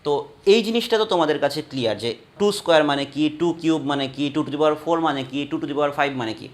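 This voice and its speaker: Guy teaching math to kids, slow and careful, counts stuff out loud, voice sits a bit high. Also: lively intonation. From Bangladesh. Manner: slow, deliberate, spells out steps and counts aloud. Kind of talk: classroom math lecture.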